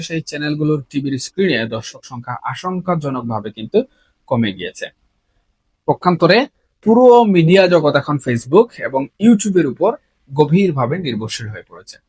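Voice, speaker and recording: A man, hosting a solo political commentary in an earnest, measured way and often asking rhetorical questions. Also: fairly high pitch, lively intonation, breathy edge, dry recording. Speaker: political commentator, channel host.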